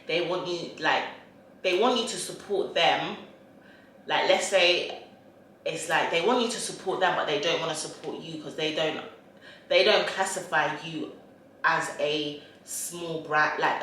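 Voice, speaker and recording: A woman's voice: low-pitched, sharp tone, a little hiss or hum. A woman vlogger chatting casually while eating, rambling with lots of fillers. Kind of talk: casual chat mukbang. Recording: very echoey room.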